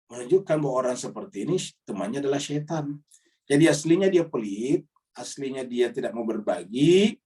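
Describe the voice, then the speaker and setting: A man preaching to a congregation, reciting Arabic verses and explaining them, his voice jumping up on rhetorical questions. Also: distant mic. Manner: lively, rises in pitch on questions. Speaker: Islamic preacher. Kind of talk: Quran study sermon.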